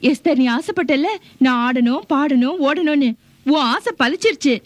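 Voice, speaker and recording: A woman's voice: high-pitched, lively intonation, normal speed, dry recording. An actress playing a scheming woman's spirit who taunts and bosses others around. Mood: taunting. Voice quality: taunting, bossy. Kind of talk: comedy TV serial acting.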